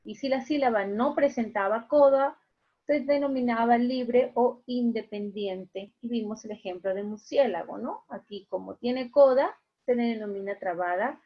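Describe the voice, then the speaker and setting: Woman teacher, higher voice, patient and repetitive, dull video-call sound. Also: a little slow, slightly rough. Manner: patient, repeats key points with checking tags. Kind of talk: online class lecture. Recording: muffled video-call audio.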